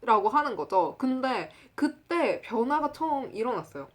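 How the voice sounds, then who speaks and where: A woman in her twenties casually telling a personal story to the camera, laughing often and acting out quotes in a loud high voice. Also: animated, normal speed. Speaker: vlogger.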